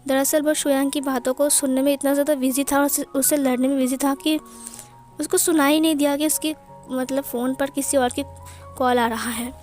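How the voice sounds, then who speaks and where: A woman's voice: high-pitched, flat delivery, moderate pace, darkish tone, faint music behind. A woman casually narrating a fan fiction story, correcting herself as she goes.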